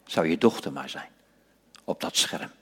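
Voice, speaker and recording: A man preaching a sermon, dropping to hushed whispers and rising to loud, emphatic passages, slowing down to stress key phrases. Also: extremely low pitch, expressive, creaky, breathy edge. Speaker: pastor.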